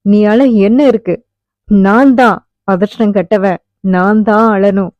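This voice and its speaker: A woman's voice: mid-range voice, fairly even intonation, measured pace, a little mellow, no echo, close to an everyday voice. A woman voicing an anguished young husband who pleads at a hospital bedside and turns fierce when angered, on a dull, dry recording. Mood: pleading. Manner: pleading then commanding. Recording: dull, muffled audiobook recording.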